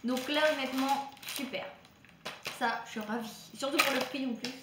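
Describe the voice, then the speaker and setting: A woman's voice: sits high, fairly even intonation, normal speed, roomy sound, noisy background. A woman vlogger casually reviewing products from a shopping haul, chatty and hesitant, with frequent fillers and restarts. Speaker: beauty vlogger.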